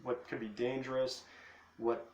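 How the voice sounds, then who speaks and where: A man running a tabletop game as dungeon master, narrating in a halting, rambling way. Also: medium pitch, little pitch movement, darkish tone, highs cut off. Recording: echoey room, faint noise.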